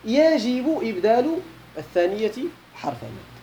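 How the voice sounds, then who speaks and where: Moroccan sheikh teaching grammar. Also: male voice, extremely high pitch, big pitch swings, normal speed, dark tone, slight background noise. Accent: Moroccan Arabic. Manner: poses questions to students and repeats key points; mixes formal Arabic with colloquial asides. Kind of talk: classical grammar lesson.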